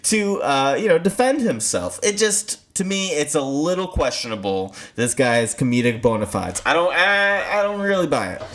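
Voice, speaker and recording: A man's voice: fairly high pitch, big pitch swings, normal speed, hardly any pauses, a bit bright. A man co-hosting a comedy podcast, lecturing in an exasperated, indignant way. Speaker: podcast co-host in a mock debate. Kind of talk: improvised comedy debate.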